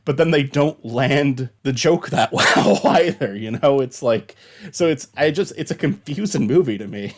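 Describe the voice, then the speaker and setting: A man's voice: medium pitch, animated, a little slow. A man in his thirties co-hosting a casual movie review podcast, rambling with frequent restarts and laughs. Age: 30s. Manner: rambling, laughs often, many restarts and fillers. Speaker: podcast co-host.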